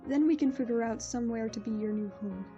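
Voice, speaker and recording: A woman voicing a gentle, motherly pony princess who speaks calmly and patiently. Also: a little high, fast, lo-fi sound, faint music behind, natural voice. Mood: kind. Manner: calm, patient and kind.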